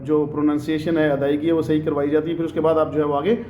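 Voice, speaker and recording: A man teaching an online group English lesson over a video call, explaining patiently and drawing out letters and words slowly for students to repeat. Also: on the high side, little pitch movement, echoey room, background noise. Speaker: English tutor.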